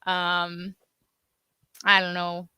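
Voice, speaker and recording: A woman's voice: fairly low pitch, monotone, very slow, pushed and bright, clear, resonant tone, dry recording. A woman co-hosting a casual livestream, chatty and giggly, with lots of "like" fillers, talking in a room with cameras and lights. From West Virginia and South Florida. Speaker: co-host of a livestream.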